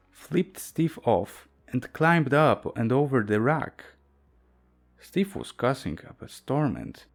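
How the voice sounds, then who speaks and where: A man's voice: medium pitch, creaky. A man reading a horror story aloud as a narrator, with a dry, wry storytelling delivery.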